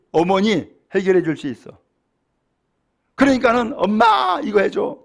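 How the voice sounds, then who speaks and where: Middle-aged guy preaching a sermon, gravelly voice, acts out the quotes. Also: high-pitched. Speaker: pastor.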